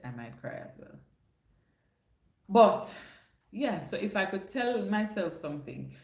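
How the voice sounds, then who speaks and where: On a laid-back livestream, a woman with a Jamaican accent chats through questions from viewers, now and then using patois phrasing. Her voice is low and a little mellow, captured with a roomy echo.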